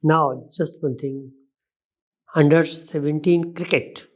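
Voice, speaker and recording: Halting Indian male interviewer, slightly high-pitched. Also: steady tone. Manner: halting, repeats and reformulates questions. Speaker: interview panelist. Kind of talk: formal interview questioning.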